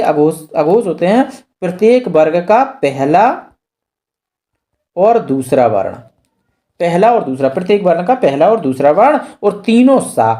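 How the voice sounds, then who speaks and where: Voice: medium pitch, warm tone. A grammar teacher working through an exam practice lesson, asking questions and answering them, repeating key terms.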